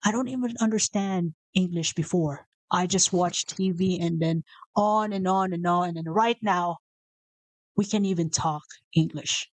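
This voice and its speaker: A Filipino woman whose first language is Bisaya hosts a motivational podcast, speaking earnestly with a Filipino accent and often repeating and correcting herself. Her voice is on the low side and measured in pace. The recording is low quality but has no room sound.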